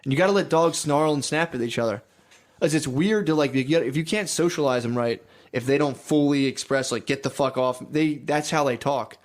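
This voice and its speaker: A man's voice: on the high side, a little fast. Rambling, profane young man. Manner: rambling, profane, defensive, storytelling. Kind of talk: casual chat.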